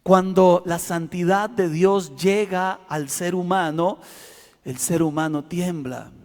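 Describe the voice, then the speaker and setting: Male pastor, high-pitched, theatrical delivery, church hall reverb. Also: slow pace. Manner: dramatic, acts out shouts and quotes. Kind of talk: sermon with personal story.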